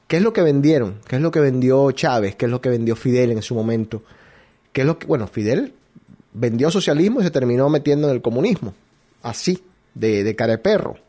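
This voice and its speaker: A man from Colombia hosting a talk show, musing out loud in a rambling way with many restarts. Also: mid-range voice. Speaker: radio show host. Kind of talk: casual opinion monologue.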